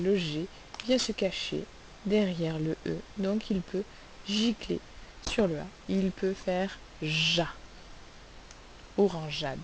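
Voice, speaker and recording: A woman teaching a phonics lesson, sounding out letters and syllables slowly and asking the class questions. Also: fairly low pitch, darkish tone, poor audio. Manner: slow, carefully spelled-out sounds, asks questions. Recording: faint hiss.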